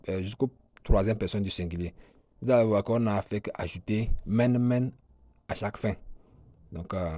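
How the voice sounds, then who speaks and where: Man, low voice, hesitant teacher, many fillers, slow drilled sounds, dry close sound. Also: darkish tone, no echo. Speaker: Chinese language teacher. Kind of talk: casual spoken lesson.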